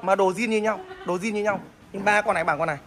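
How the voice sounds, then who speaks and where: Fast-talking high-voiced man selling a motorbike. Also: fairly even intonation, a bit bright, slight background noise. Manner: fast salesman patter, repeats short tags. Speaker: motorbike dealer vlogger. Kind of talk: casual selling vlog.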